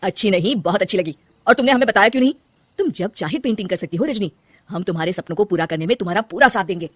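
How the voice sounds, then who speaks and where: A woman's voice: mid-range voice, lively intonation, fast, dry recording, lightly acted. A woman voicing a patient, loving young husband who talks in a coaxing, pleading way. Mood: kind.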